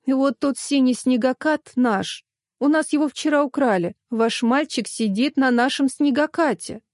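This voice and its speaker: A woman's voice: high voice, unhurried, darkish tone, no echo, clean studio sound. A woman voicing a sad, tearful mother with a plaintive manner as she reads a storybook aloud. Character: sad worried mother, complaining.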